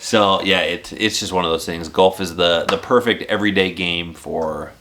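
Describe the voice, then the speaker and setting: A man's voice: low voice, steady tone, normal speed, sharp tone, slight background noise. A man in his thirties hosting a casual golf podcast at home, laid-back and casually swearing. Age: 30s. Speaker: podcast host. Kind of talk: casual chat.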